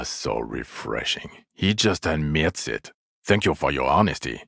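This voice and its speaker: In a video game voice-acting role, a bitter, world-weary policeman speaks in an exceptionally deep, low, gravelly voice that is bright and forceful, recorded close and dry with no echo. It's a full character voice, scolding with heavy sarcasm and open contempt like a partner who is completely fed up.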